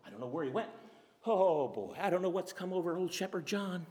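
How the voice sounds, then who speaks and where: A man's voice: high-pitched, lively intonation, fairly quick, a little mellow, voice pushed down. A man voicing a puzzled, sleepy neighbor who mutters in bewilderment. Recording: long hall reverb.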